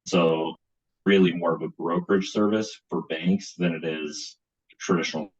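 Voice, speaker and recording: A man speaking as a bank lender on a webinar panel over a video call, his audio choppy and cutting out with clipped word endings, talking haltingly with restarts. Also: low-pitched, steady tone, slightly rough, dull audio. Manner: halting, restarts sentences with ums.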